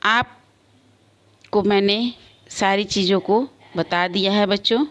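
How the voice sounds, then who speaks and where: A woman teacher giving an online class lesson, explaining slowly with spoken examples and varied emphasis. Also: mid-range voice, steady tone, a bit bright. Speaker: school teacher.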